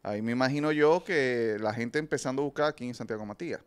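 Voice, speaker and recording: A man, a panelist giving measured, analytical commentary in gossip talk. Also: mid-range voice, clean tone.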